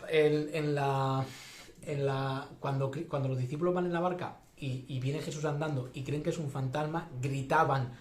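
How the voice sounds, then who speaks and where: A man's voice: a little high, fairly even intonation, normal speed, a little hiss or hum. A man preaching a sermon as pastor, thinking aloud with many fillers and restarts. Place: church hall. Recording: echoey church hall.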